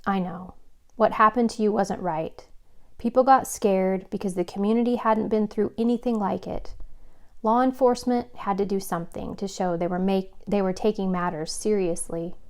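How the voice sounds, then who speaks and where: A woman voicing a calm, serious male police chief in an audiobook, speaking steadily, earnestly and kindly. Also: medium pitch, moderate pace, lightly acted. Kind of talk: audiobook character reading.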